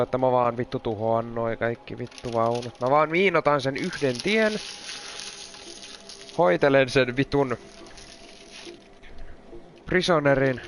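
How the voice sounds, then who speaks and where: A man's voice: medium pitch, slight background noise. A man commenting on his gameplay, frustrated and swearing constantly, mixing in English words. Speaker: gamer.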